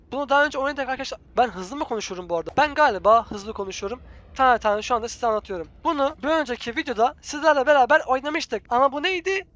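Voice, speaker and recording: A chatty gaming host with a very high voice, talking fast and jumping from calm narration to startled shouts. He keeps calling out to his viewers as friends. The sound is dry and a bit muffled, like a cheap home microphone. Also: no room sound. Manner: chatty, excitable, constantly addressing viewers as friends. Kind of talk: let's-play gameplay commentary.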